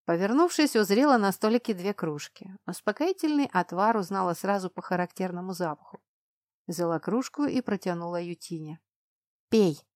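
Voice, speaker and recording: A woman narrating a first-person fantasy audiobook with brisk, expressive storytelling. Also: medium pitch, no room sound, clean studio sound.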